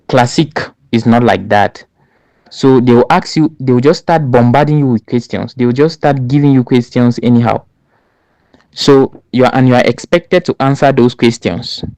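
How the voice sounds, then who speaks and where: A man's voice: mid-range voice, warm tone, clear, resonant tone, no room sound. A man giving an exam preparation lesson, talking emphatically, repeating himself and checking in with "right?". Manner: repetitive, emphatic, with many restarts and "right?" checks. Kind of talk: spoken lesson.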